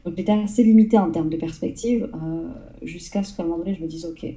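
A woman's voice: on the low side, fast, dark tone, poor audio. A woman from southern France, a guest in a casual interview, telling her story with frequent hesitations. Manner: hesitant, many fillers, storytelling. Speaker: guest entrepreneur.

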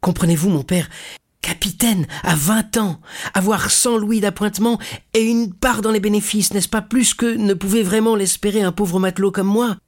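A man reading an audiobook, voicing an eager, warm-hearted young sailor in his twenties who speaks urgently and pleadingly. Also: high voice, fairly even intonation, moderate pace, pitched above the performer's own voice, close to an everyday voice. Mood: excited. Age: 20s. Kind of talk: audiobook character voice.

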